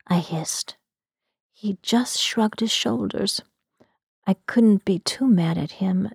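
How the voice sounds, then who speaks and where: A woman tells a first-person story in a soft, hushed whisper made for ASMR. Her delivery is slow and mellow, with a breathy edge. The recording is close and dry. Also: medium pitch, dry recording. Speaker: narrator.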